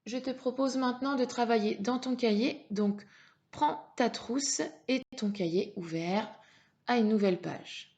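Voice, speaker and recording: Female primary teacher, slightly high voice, slow patient delivery for a young child's reading lesson. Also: a little mellow, muffled recording. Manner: slow, patient, syllable-by-syllable dictation.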